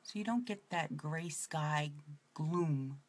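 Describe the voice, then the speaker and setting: A woman's voice: sits low, slow pace. A woman with a New York accent, chatting casually and rambling as she demonstrates her makeup. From Brooklyn, New York. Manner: chatty, rambling, drifting off topic. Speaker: makeup tutorial presenter.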